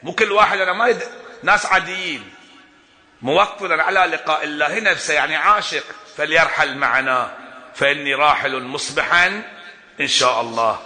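Man preaching, fairly high and cutting, passionate and emphatic, hall reverb trailing behind. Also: brisk, bright, forceful tone. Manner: impassioned, builds to rising emphatic delivery, chuckles often. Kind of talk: sermon at a religious gathering. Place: religious gathering hall indoors.

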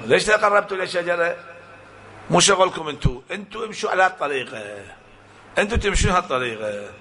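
Male preacher, somewhat high-pitched, animated storyteller with a sharp, bright tone. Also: fast, slight background noise. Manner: animated storytelling with acted-out quotes and rhetorical questions. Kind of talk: sermon to a congregation.

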